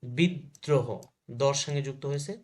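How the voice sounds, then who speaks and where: Male teacher for a school grammar lesson. Asks questions and answers them himself, repeats example words slowly, mid pitch.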